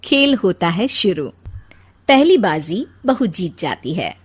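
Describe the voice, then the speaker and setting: A woman's voice: on the low side, sing-song, slow pace, breathy edge. A woman narrator reading a scripted comic story.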